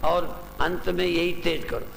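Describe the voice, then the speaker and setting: A spiritual teacher giving a talk to a gathered group, then leading them through a breathing exercise with repeated short instructions. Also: male voice, a little high, level tone, unhurried, gravelly. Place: large hall with a gathered audience. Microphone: loudspeaker microphone. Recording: long reverb in a hall, faint noise.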